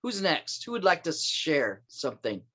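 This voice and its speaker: A man's voice: on the high side, big pitch swings, moderate pace, bright, forceful tone. A male guest on a video call, speaking in a friendly way and stumbling over words. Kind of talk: casual video-call chat.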